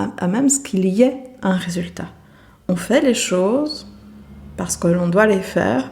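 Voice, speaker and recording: Low, gravelly-voiced woman teacher. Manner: gentle, unhurried, with soft laughs and many hesitations. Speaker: yoga teacher and podcast host. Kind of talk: reflective podcast monologue.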